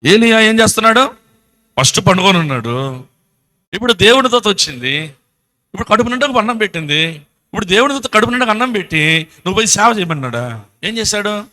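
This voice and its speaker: A man with a Telugu accent preaches in church. His voice sits high and sounds bright. He tells the story with animation, throws rhetorical questions at the listeners and slips into acted voices. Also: big pitch swings, fairly quick, pauses often. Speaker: pastor. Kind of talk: sermon.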